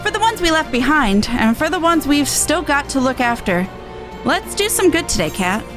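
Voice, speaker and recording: For a fantasy game, a woman voices an earnest young tribeswoman, a dutiful veteran of the resistance, in a high, expressive voice with animated delivery. She sounds grateful and upbeat at normal speed, with music behind her on a low-quality recording.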